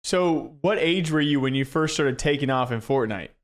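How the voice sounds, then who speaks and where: A man's voice: mid-range voice, expressive, normal speed. A man from Iowa hosting an interview, asking questions with teasing, exasperated banter. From Iowa, USA. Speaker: interviewer, host. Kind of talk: casual interview.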